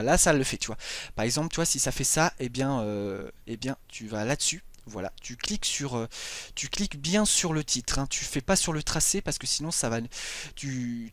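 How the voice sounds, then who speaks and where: A man giving a casual software tutorial, talking the viewer through each step with many hesitations and fillers. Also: a little high, no echo. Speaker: video editing tutor.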